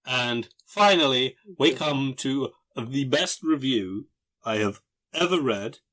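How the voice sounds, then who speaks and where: A man's voice: medium pitch, animated, takes it slowly, a bit bright. A man hosting a casual podcast, reading out film reviews and adding emphatic, amused asides. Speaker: podcast host.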